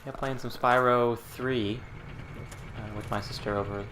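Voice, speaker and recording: A man's voice: mid-range voice, fairly even intonation, measured pace, fairly bright tone, slight background noise. A young man co-hosting a gameplay video, laid-back and wry, laughing often at his friend. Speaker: let's play co-host. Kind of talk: casual gaming banter.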